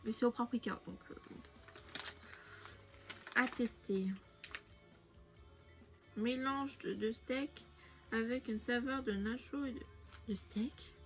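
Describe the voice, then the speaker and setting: A woman's voice: on the high side, slow pace, long pauses, a bit bright. A young woman from France chatting casually through a shopping haul, rambling with many fillers and restarts. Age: young adult. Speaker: beauty vlogger. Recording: music playing behind.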